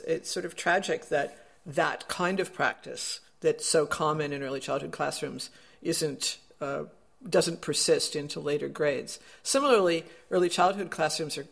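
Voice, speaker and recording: Invited as an education expert, this man gives an interview answer in a somewhat high voice with a creaky quality. His explanation is reflective, and he revises his own wording as he goes.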